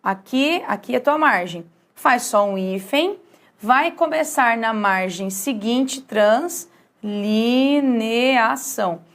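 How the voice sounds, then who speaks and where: A woman teaching a writing lesson in a lively way, often checking in with her students. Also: a little high, slow pace. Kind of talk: classroom lesson at a whiteboard.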